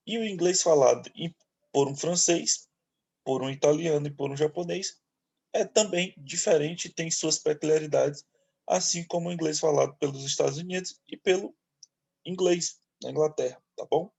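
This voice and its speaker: A man from Brazil teaching an English lesson to eighth graders, explaining slowly and often checking in with his students. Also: on the high side, creaky, a little mellow, slightly rough. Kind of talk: online class lecture.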